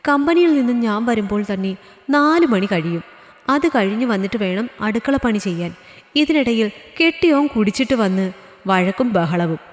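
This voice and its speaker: A woman's voice: mid-range voice, lively intonation, moderate pace, lightly acted. A woman voicing an overworked working-class mother who complains and pleads that she has no time. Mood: complaining. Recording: echoey reverberant room.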